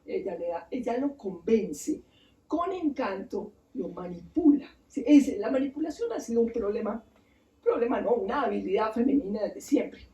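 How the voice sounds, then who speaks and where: Woman author, lively storyteller at a bookstore talk, distant roomy recording. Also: fairly high pitch, normal speed. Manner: animated, acts out voices, asks the audience. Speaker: author giving a book talk. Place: bookstore event space.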